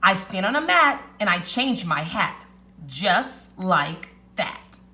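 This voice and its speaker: A woman voicing a clever, excitable little male rat in a storybook read-aloud, with an emphatic, chanting, exclamatory delivery. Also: on the low side, takes it slowly, exaggerated voice. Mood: chanting, proud.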